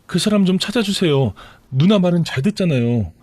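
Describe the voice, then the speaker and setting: A man voicing a desperate, pleading young pregnant woman in a storytelling radio drama, whining and begging in a shrill tone. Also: expressive, a little fast, a little mellow, dry recording.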